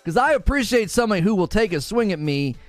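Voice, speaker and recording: A man's voice: sits high, very animated, fast talker, dry recording. A man from Northern Ohio on a live stream, bantering playfully with chat and laughing often. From Northern Ohio, USA. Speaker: gaming streamer.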